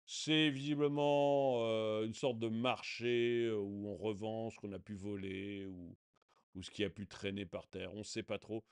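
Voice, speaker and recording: A man's voice: on the low side, steady tone, unhurried, clear, resonant tone, no room sound. Sarcastic man commentating, dry sound. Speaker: online commentator. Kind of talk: casual video commentary.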